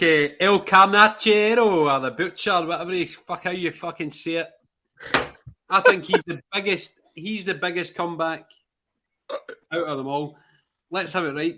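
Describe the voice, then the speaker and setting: A man's voice: fairly high pitch, pushed and bright. A man with a Glasgow accent giving blunt, sweary, emphatic opinions in a casual podcast chat.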